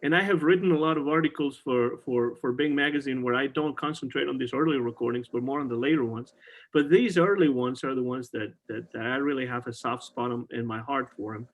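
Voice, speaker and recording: In a casual music chat for his podcast, a middle-aged man talks with enthusiasm about old songs, frequently restarting and filling pauses. He speaks briskly at a medium pitch over a video call.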